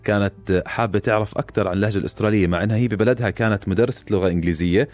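A man's voice: on the low side, dry recording. A man co-hosting a podcast, chatting casually and bantering with his co-host. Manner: fast, relaxed banter. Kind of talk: casual chat.

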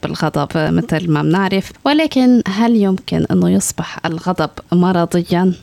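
A woman's voice: on the low side, normal speed, gravelly, dark tone, no echo. A woman co-hosting a radio program and putting formal questions to a guest. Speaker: radio co-host. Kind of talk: interview questions.

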